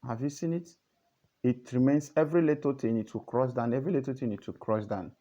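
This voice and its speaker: Guy walking you through a trading chart, keeps asking have you seen it, mellow voice, muffled lo-fi mic. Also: medium pitch, fairly quick. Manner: repetitive, earnest, coaxing questions. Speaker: trading tutor. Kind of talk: casual screen tutorial.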